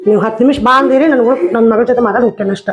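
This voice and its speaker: A woman's voice: a little high, rapid-fire, faint music behind, natural voice. A woman with a North Karnataka Kannada accent playing an angry wife who left her husband, arguing and scolding in a comedy skit. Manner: scolding, argumentative. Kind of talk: village comedy skit acting.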